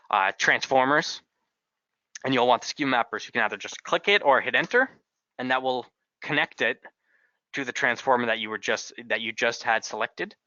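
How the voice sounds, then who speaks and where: A male trainer walks through a software tutorial, speaking haltingly and repeating words. His pitch is medium, and the recording sounds slightly dull but has no echo.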